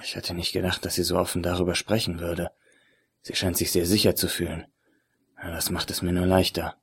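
A man voicing a guarded undercover male agent in a story, speaking low and hushed. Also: little pitch movement, a little fast, a little hiss or hum, lightly acted.

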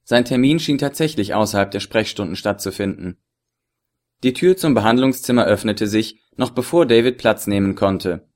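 A man reading a novel aloud in measured, scripted narration. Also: lowish voice, darkish tone. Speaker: audiobook narrator.

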